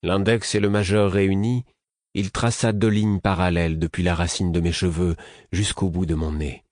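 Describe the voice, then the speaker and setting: A man giving measured first-person narration for an audiobook. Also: sits low, level tone, a little mellow, no room sound, clean studio sound.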